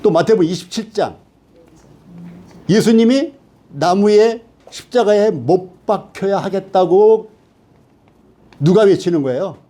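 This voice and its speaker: A man's voice: high-pitched, lively intonation, unhurried, long pauses, dark tone. A man teaching a Bible study class who keeps asking the class questions and then answering them himself.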